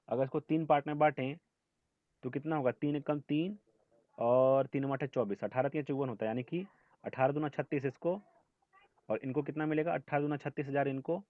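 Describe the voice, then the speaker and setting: A man with a medium-pitched voice teaches a math lesson in an online class, working through it step by step, often asking "ठीक है?" and gently scolding his students. The sound is phone-quality with no echo.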